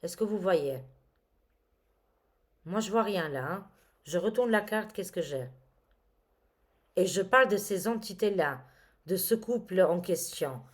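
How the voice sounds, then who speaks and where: A woman's voice: mid-range voice, lively intonation, unhurried, pauses often. A woman reading tarot cards to her viewers, talking casually and dramatically with many exclamations and fillers. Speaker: tarot reader.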